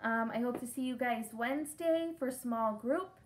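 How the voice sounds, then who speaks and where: Against a brick-patterned wall in a small room indoors, a woman in her thirties reads a picture book with feeling for young children. Her voice sits a little high at a moderate pace, and there's slight background noise. A teacher, she explains the story simply and asks the kids questions.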